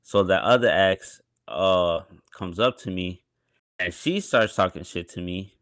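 Young male podcast guest, very low voice, dry close sound, relaxed, slangy storyteller. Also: measured pace, no room sound. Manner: laid-back, colloquial, with many fillers. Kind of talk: casual storytelling.

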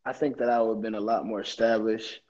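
A man's voice: fairly low pitch, little pitch movement, quick pace, darkish tone. Man in his 20s, podcast co-host, easygoing teasing delivery, dull lo-fi recording. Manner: joking, teasing, laid-back. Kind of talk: casual chat.

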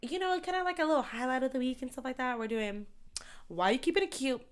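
A woman co-hosting a podcast in easy, casual chat. Her voice sits a little high, and she laughs often. She talks in playful slang and keeps repeating catchphrases. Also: expressive, fast talker, clear, resonant tone. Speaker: podcast co-host.

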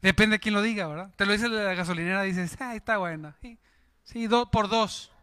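A man preaches to his congregation, throwing out questions and jokes as he goes. His voice is high and very bright, with a smooth, clear tone. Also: fairly quick. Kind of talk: sermon.

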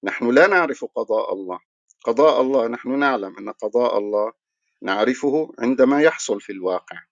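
A man's voice: medium pitch, expressive, quick pace, vocal fry, no room sound, lo-fi sound. A man giving a religious lecture, explaining his point through rhetorical questions that he answers himself. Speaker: religious speaker.

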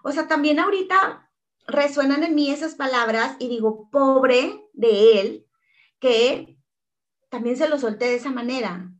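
Mexican woman, interview guest, earnest and emotional, slightly high voice. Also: normal speed. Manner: earnest, emotional retelling that acts out quoted dialogue. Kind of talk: personal story in an interview.

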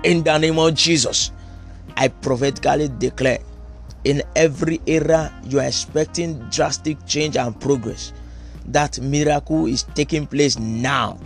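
A male preacher in full prophetic declaration mode, hammering out each line with steady emphasis. His voice sits a little high for a man. Soft music plays quietly beneath him. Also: unhurried, creaky.

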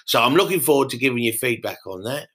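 A man voicing a brash, foul-mouthed middle-aged country pub landlord who talks loud and boastful in a comedy podcast. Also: medium pitch, animated, fast talker, husky. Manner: boastful, loud, swears a lot. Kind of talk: comedy podcast character monologue.

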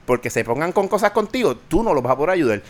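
A man's voice: on the high side, fast. Ranting young Puerto Rican man, swearing. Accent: Puerto Rican Spanish. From Puerto Rico. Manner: ranting, animated, mixes English into Spanish, swears freely. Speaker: podcast host. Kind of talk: casual podcast chat.

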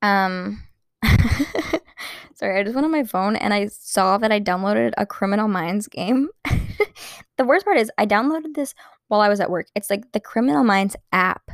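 Young female vlogger, 20s, excitable and gushing, dry close sound. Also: mid-range voice, brisk, dry recording. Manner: gushing, excitable, lots of "like" fillers. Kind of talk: casual chat to camera.

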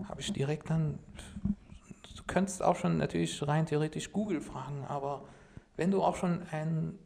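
Here a man from Syria, Arabic being his first language, tells his story as a podcast guest in a casual, wandering way. His fairly high voice is gravelly yet mellow, and his speech is packed with fillers, restarts and the phrase "sag ich mal."

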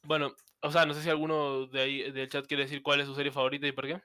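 A man's voice: medium pitch, completely flat delivery, fast talker, sharp tone, clear, resonant tone, no echo. A man co-hosting a casual livestream chat, talkative and often searching for his words. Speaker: co-host.

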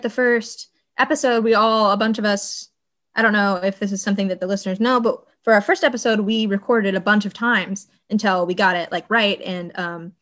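A young woman co-hosting a podcast, chatty and bubbly with quick asides. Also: mid-range voice, fairly bright tone. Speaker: podcast host. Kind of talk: casual chat.

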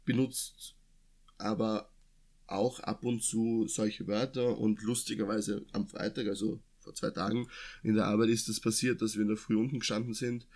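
Chatty Austrian man, low voice. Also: flat delivery, moderate pace, darkish tone. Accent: Austrian, from near Vienna. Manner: talkative, rambling with many restarts and fillers. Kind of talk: casual chat.

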